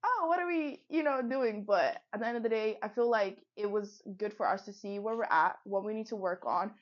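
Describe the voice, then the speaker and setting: A Finnish woman in her twenties, who plays football and co-hosts a podcast, chats casually in an upbeat, reflective and talkative manner. Her voice is mid-range and a little fast, and the highs in the audio are cut off.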